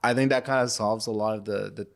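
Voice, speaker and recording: A man's voice: lowish voice, steady tone, fast. A young man from Iraq, a photographer and podcast guest, speaking in a reflective, loose, conversational way. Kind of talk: casual interview talk.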